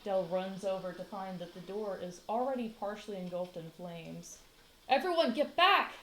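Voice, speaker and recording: A woman narrating as game master of a tabletop game, relaxed, with frequent ums. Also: on the low side, moderate pace, echoey room, slight background noise, low-quality recording.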